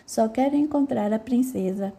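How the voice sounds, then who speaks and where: A woman's voice: a little high, normal speed, mellow, natural voice. A woman reading the lines of a tearful, upset young woman in an audiobook. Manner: shaky and upset.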